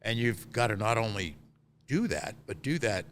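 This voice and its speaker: A man's voice: fairly low pitch, expressive, moderate pace, slight background noise. A man from Northeastern Pennsylvania, a theatre manager, chatting casually as an interview guest in a self-deprecating way and often repeating words as he starts.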